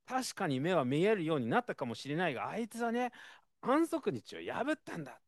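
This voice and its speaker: Man playing angry religious leaders, loud and scolding, pitched up high and fast. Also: sing-song, no echo, studio quality.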